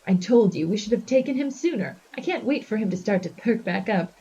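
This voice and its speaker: In a 1920s gangster-style audio drama full of period slang, a woman plays a menacing spider monster disguised as a flapper, gloating and taunting with theatrical flair. Her mid-range voice is expressive, mellow and husky, a bit fast, with the high frequencies cut off.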